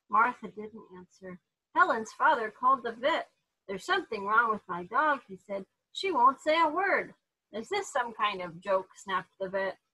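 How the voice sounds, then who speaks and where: A woman reading a children's storybook aloud with animated delivery, putting on voices for the characters. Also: medium pitch, husky, rough recording. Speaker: therapy dog handler reading to kids.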